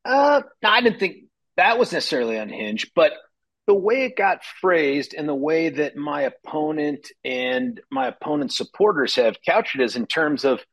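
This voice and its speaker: A man's voice: on the high side, sing-song, moderate pace, vocal fry, a bit bright, poor audio. A man appearing as a candidate on a talk radio show, explaining himself animatedly and laughing at times. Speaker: political candidate guest.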